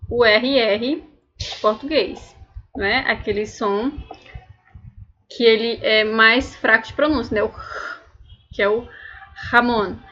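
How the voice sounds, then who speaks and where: A woman's voice: a little high, pushed and bright, muffled recording. A woman teaching a recorded language lesson, patiently explaining and drilling words one at a time. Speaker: Spanish teacher.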